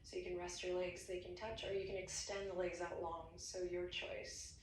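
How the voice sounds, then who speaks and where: A woman leading guided yoga instruction, speaking slowly and soothingly, often sinking to soft near-whispers. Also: lowish voice, little pitch movement, slight background noise. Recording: played back from a video, roomy and distant.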